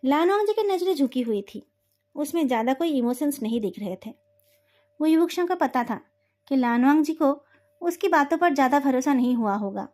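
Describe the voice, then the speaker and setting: A woman narrating a romance novel retelling as a steady storytelling reading. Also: high-pitched, normal speed.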